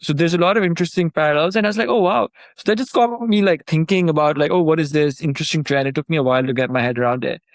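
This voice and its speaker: Talking rapid-fire with hardly any pauses, this startup founder from Pakistan has a voice on the high side and gets animated when excited. He chats loosely, with plenty of fillers, in a casual remote interview recorded without echo.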